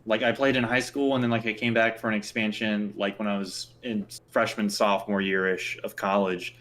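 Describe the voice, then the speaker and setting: Young male podcast co-host, lower voice, loose rambling chat. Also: level tone, a little fast, fairly bright tone. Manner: rambling, chatty, filler-heavy. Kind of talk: casual chat.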